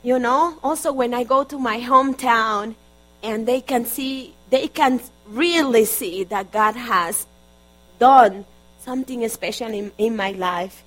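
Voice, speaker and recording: Sermon voice: Colombian woman, Spanish native, fairly high voice, earnest with many restarts, faint hum behind. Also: slow, poor audio. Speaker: guest preacher.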